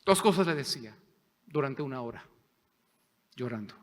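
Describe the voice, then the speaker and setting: A man preaching a sermon as pastor, impassioned, swinging between loud declarations and hushed, near-whispered prayer. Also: medium pitch, expressive, moderate pace. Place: church sanctuary. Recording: long hall reverb.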